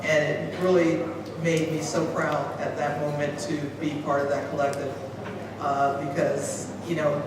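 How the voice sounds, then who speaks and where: In a large conference hall, an American author in middle age talks unhurriedly about her book, her low-pitched delivery flat. She's on a panel, keeping it chatty and casual, cracking jokes and laughing at her own lines. The audio is echoey and distant, with a noisy audience.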